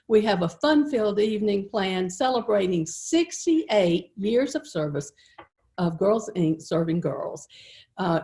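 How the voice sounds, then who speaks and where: Folksy woman emceeing a gala. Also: medium pitch. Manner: warm, folksy storytelling with filler words. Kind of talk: speaking to the camera at a virtual gala.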